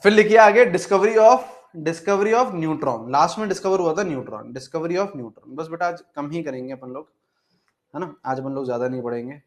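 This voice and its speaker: Brief: young male chemistry teacher, slightly high voice, coaxing and repetitive, answers his own questions. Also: normal speed. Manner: coaxing, repeats phrases, asks and answers students' questions himself; mixes English terms into the talk, calls students "beta". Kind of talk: classroom lecture.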